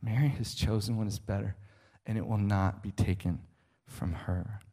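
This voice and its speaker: A man's voice: lowish voice, fairly even intonation, moderate pace, mellow. A middle-aged man preaching a sermon, emphatic and rhetorical, often checking in with the listener.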